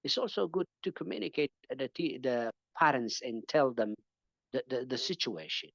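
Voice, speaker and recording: A man's voice: medium pitch, expressive, moderate pace, vocal fry, fairly bright tone, no room sound, dull audio. A man from Ethiopia answering questions as a panelist in an online teaching webinar, talking hesitantly with many fillers and repeated words.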